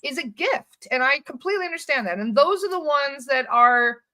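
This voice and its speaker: Bright and forceful, a woman's high voice carries a casual interview about her work in hypnosis and spirit release. She is expressive and keeps a moderate pace, animating her stories, performing quotes and cursing offhandedly.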